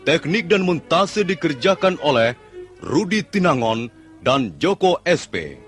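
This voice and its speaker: A man's voice: a little high, sing-song, unhurried, a bit bright. A man reading scripted credits and story narration in the manner of an old radio serial announcer. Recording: music behind the voice. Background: music.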